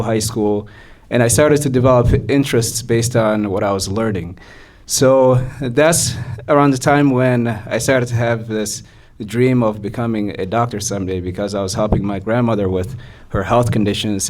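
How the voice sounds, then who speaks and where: A young man from Somalia, a physician, giving a measured personal talk to an audience with frequent fillers. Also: on the low side, a little mellow. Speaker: guest speaker, physician.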